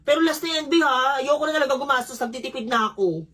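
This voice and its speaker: A woman's voice: sits high, quick pace, fairly bright tone, a little hiss or hum. A woman doing comedy skit dialogue, bantering with friends and calling them "be". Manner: bantering, calls everyone "be".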